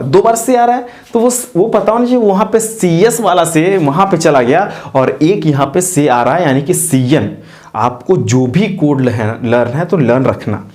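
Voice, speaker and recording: A male teacher with a slightly raised voice leads a casual chemistry lesson at the board. He addresses the students directly and coaxes them with repetition. Often he slows right down to chant memory tricks syllable by syllable. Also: fairly high pitch, darkish tone. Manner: repetitive, coaxing, talks straight to students. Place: classroom with a writing board.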